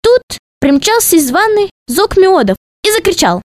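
Lively woman reading a children's story. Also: extremely high pitch, moderate pace, dry recording. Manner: expressive, playful storytelling. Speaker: narrator.

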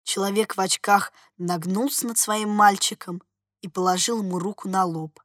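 A woman's voice: mid-range voice, dry recording, studio quality. Woman reading a story aloud. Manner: measured, expressive storytelling. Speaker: reader. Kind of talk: literary narration.

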